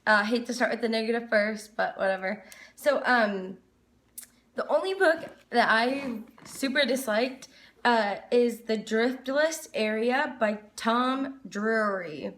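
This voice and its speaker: A woman's voice: on the high side, slow pace, a bit bright. A woman chatting casually and informally to camera as a book reviewer, rambling a little, recorded in an echoey room. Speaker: book reviewer, video host.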